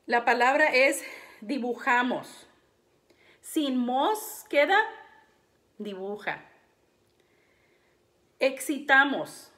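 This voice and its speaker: A woman teacher leads a phonics drill for young children. Her voice sits somewhat high and she speaks slowly, stretching each word into clear syllables for the class to repeat. She clears her throat now and then between instructions. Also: lively intonation, a bit bright. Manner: slow, deliberate, syllable-by-syllable delivery.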